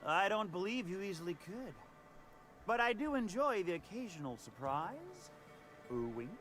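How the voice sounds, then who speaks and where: Smug, winking male merchant in a game, lively sing-song delivery, faint music underneath. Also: sits high, normal speed. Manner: smug, says "wink" out loud. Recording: game audio with music behind.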